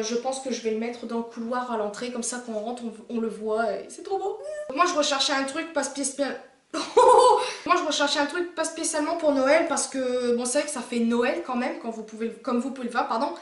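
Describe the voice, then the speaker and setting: A young woman from France chatting casually through a makeup haul video, rambling with lots of fillers and restarts. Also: sits high. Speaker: beauty vlogger. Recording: echoey room.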